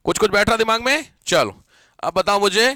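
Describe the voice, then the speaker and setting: A man's voice: high voice, normal speed, dry recording, clean studio sound. A man teaching a live grammar class, quizzing and teasing his students as he goes. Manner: lively, teasing, questions students often.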